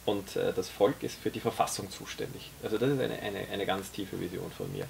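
Speaking as a guest in casual conversation, an Austrian author in his forties explains his vision at length in a low, gravelly voice. He hesitates a lot and fills pauses with fillers. The recording comes from a camera mic a few metres off in a small tea café and has a faint hiss.

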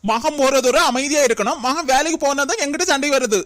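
A hurt, defensive young daughter-in-law played by a woman argues back in a high, pleading cartoon voice. The recording is close and dry. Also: fairly quick, a bit bright, dry recording. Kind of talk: cartoon comedy voice acting.

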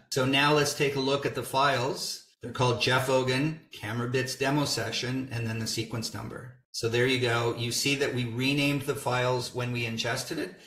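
Middle-aged man walking through software. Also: mid-range voice. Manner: talks through each step as he clicks. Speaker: photographer demonstrating software. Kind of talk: casual software walkthrough. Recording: roomy echo.

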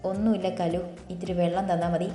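A woman voicing a tired, grieving middle-aged mother who speaks low and wearily. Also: flat delivery, moderate pace, dark tone, echoey room, faint music behind, close to an everyday voice. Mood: weary.

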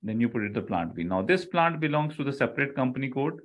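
Very animated and quick, this middle-aged Indian-accented instructor speaks at a medium pitch during a live online lecture. He walks through the material step by step, repeating key phrases and checking in with "okay" and "right".

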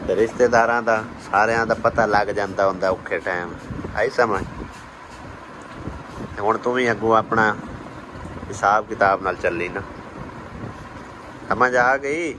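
A man's voice: fairly low pitch, unhurried, pauses often. A man vlogging outdoors, talking to his wife in a lecturing way and asking again and again if she understood. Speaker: vlogger husband. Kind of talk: casual family vlog talk. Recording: noisy outdoor recording with wind.

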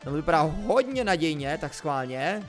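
A young male gamer with a fairly high voice talks through a game in a casual, joking way, dropping to low mutters and then jumping up into excited yelps. Background music plays softly under his voice. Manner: excitable, jokey, swings between muttering and yelping. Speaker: gaming YouTuber.

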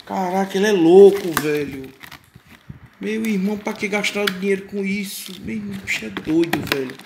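Brazilian guy unboxing on a shaky phone cam, high voice, keeps going caraca velho, noisy clicky background. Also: moderate pace, creaky. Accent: Brazilian Portuguese. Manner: excitable, chatty, exclaims often, drops to mutters while fiddling with the box. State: moved, close to tears. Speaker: YouTube vlogger unboxing a fan's gift. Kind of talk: casual unedited unboxing vlog. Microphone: handheld phone or camera, shaky.

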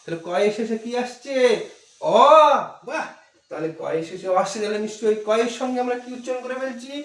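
A woman teacher gives a demo class, coaxing pupils with questions and slowly repeating their answers. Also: fairly high pitch, lively intonation, darkish tone. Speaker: primary school teacher. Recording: echoey room, mic at a distance.

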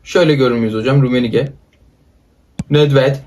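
A man doing excitable casual commentary over a football video game with a friend, calling out player names. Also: medium pitch, normal speed, a little hiss or hum. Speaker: gaming YouTuber.

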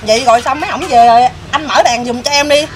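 A woman excitedly telling what she saw, in casual chat. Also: a little high, fast, a crowd in the background. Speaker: interviewee telling a ghost sighting. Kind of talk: casual storytelling.

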